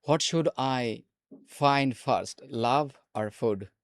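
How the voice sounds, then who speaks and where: A man's voice: mid-range voice, very slow, dry recording. A man with a Bangladeshi accent hosts a casual, joking video chat with a stranger. His tone is teasing, and he often repeats himself. The sound is dry and close, with no room in it. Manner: teasing, playful, with repeated phrases and laughs. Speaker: host.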